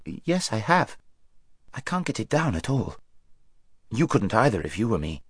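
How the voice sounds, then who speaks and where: An eager, plucky young boy from a storybook, as a man puts him on, pitched up above a low voice and bouncing with feeling. He sounds blunt and keen, close to the mic in a dry space. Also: sing-song, moderate pace, breathy edge, no room sound, full character voice. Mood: plain.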